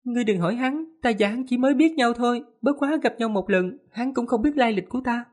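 A man reading a storybook, voicing a proud, cold young sorceress in a high put-on voice. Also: quick pace, darkish tone. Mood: cool. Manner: haughty and scornful.

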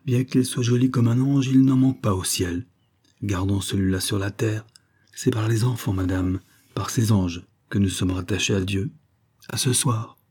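Audiobook: a man playing an earnest kindly doctor, low husky voice, reassuring. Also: normal speed, a little mellow. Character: kindly solemn male country doctor.

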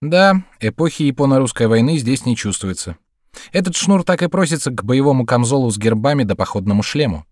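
A man voices a jovial, teasing joker who speaks with mock seriousness in a raised, boisterous voice. The delivery is mid-range, slightly mellow, a little fast, and lively in intonation, pitched above his own voice yet close to everyday speech. The studio sound is clean, with no echo.

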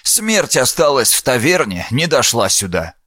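A man voicing a frail, sly old peasant with a creaky, scratchy voice and fawning rustic speech, in an audiobook. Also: mid-range voice, very animated, unhurried, bright, forceful tone, no room sound, clean studio sound, full character voice. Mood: wheedling. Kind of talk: audiobook character voice.

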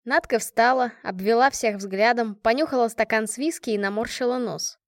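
A woman reading an adventure audiobook in a steady, measured way. her voice sits a little high, and the recording is dry and close, with no room echo. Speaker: audiobook narrator. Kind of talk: scripted narration.

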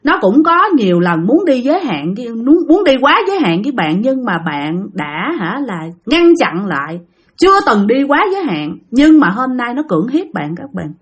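Southern Vietnamese woman storyteller, animated, higher voice, talks to listeners. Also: moderate pace. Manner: speaks straight to listeners, dramatic. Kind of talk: spooky story narration.

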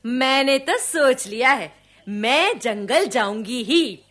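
A woman's voice: sits high, animated, slow, a bit bright, exaggerated voice. A woman voicing a strong-willed, bossy but caring village mother in an educational radio drama, talking in a teasing, commanding way.

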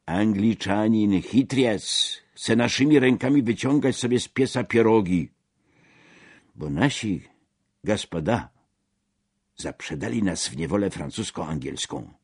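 A man voicing a fiery male revolutionary agitator rousing a workers' meeting with declamatory speech and shouted slogans. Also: fairly low pitch, lively intonation, a little slow, slightly rough, dry recording, studio quality, voice pushed up, exaggerated voice.

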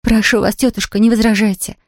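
A woman reading aloud, voicing an eager, chatty young girl who talks in quick exclamations. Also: medium pitch, darkish tone, no room sound, studio quality, natural voice. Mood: excited. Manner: breathless, rapid, exclamatory.

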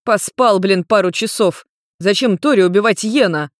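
A woman's voice: mid-range voice, moderate pace, dry recording, natural voice. Woman voicing a brusque young man, storybook, dry recording. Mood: exasperated. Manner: blunt and demanding. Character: hot-tempered young red-haired man.

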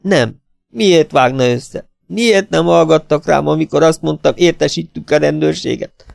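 A man's voice: creaky, a little mellow, no room sound, studio quality. A man voicing a distraught, defiant young woman in an audiobook, speaking with emphatic, pleading insistence. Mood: upset defiant. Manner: raised pitch, emphatic, pleading.

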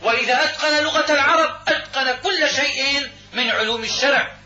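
A man with a very high, sharp, bright voice gives a classroom lecture in an echoey room. He explains patiently, puts questions to himself and answers them, and goes over the main points more than once. The recording sounds dull and lo-fi. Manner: explanatory, asks and answers his own questions, repeats key points. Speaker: lecturer on Islamic law and Arabic grammar.

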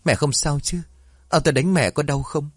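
A man's voice: medium pitch, animated, moderate pace, no echo, studio quality, voice pushed up, close to an everyday voice. A man voicing a worried teenage son who fears for his beaten mother. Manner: anxious, pleading. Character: worried teenage schoolboy son, loving and frightened.

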